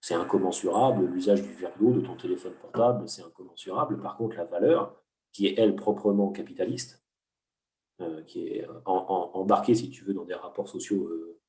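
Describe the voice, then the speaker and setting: Heard from a distance in a roomy space, this man speaks low and fairly quickly with a dark tone. He's an economics teacher being interviewed, patiently and didactically explaining concepts while often hesitating and starting over.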